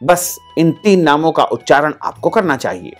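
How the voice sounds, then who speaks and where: A man's voice: fairly high pitch, sing-song, moderate pace, faint music behind. A man as a spiritual teacher giving a devotional discourse, repeating phrases in a rhythmic, listing cadence. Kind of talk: devotional discourse with mantra chanting.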